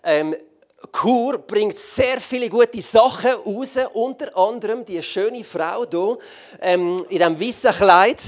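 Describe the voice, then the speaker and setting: A man in his thirties from the Basel region of Switzerland speaks with a Swiss German accent as a guest pastor on stage in a large church hall. He is lively and joking and uses many fillers, talking slowly in a high voice.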